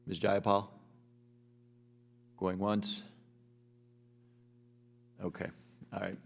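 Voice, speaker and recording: A man's voice: on the low side, completely flat delivery, very slow, vocal fry, in a large hall. A man chairing a congressional hearing, calling on members in an informal, procedural way. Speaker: committee chairman.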